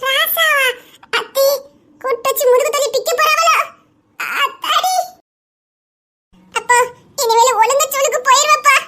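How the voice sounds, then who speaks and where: A woman's voice: extremely high pitch, measured pace, long pauses, sharp tone, heavily acted. Woman doing squealing little village boy. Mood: excited. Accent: Tirunelveli Tamil. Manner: squealing, exclaiming, teasing. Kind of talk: cartoon voice acting.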